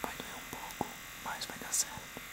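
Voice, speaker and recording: A man in his thirties with a Brazilian accent plays a physiotherapist in an ASMR role-play, addressing the listener in a soft, hushed, unhurried voice. The audio quality is poor.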